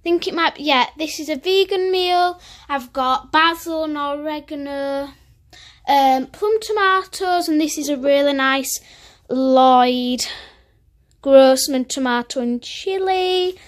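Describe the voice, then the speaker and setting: A teenage girl with a Northern English accent chatting through a cook-along vlog in her home kitchen, rambling and correcting herself as she goes. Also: high voice. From England. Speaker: vlogger. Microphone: phone camera held close.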